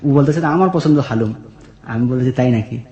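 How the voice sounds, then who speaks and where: A young guest with a colloquial Bangladeshi accent talks through his life story, quoting each side of past conversations. His medium-pitched voice is brisk and mellow, and the lo-fi audio is echoey and reverberant.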